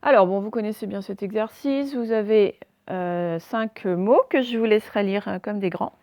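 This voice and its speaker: A woman teacher giving a recorded phonics lesson for young children, sounding out each word clearly and stressing the target sounds. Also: mid-range voice, normal speed, mellow, dry recording.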